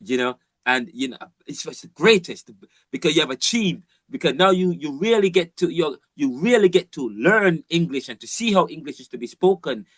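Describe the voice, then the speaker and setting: A man's voice: a little high, lively intonation, normal speed, fairly bright tone, no echo. A man from Jamaica, giving an informal, rambling university lecture with emphatic repeats and frequent restarts.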